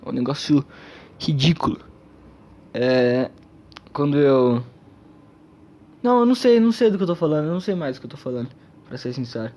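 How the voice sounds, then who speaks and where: Teen boy, Brazilian Portuguese accent, solo podcast, rambling and self-mocking, slightly high voice. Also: very animated, a little fast, long pauses, dark tone, lo-fi sound. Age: teens. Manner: rambling, loses his train of thought, self-mocking. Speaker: podcast host. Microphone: recording app on a microphone.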